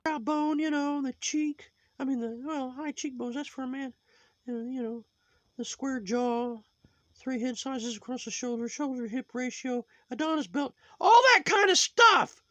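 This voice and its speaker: A man voicing a preachy, judgmental male sock puppet in a high put-on voice, lecturing and moralizing as he rambles. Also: normal speed, bright, forceful tone, no echo.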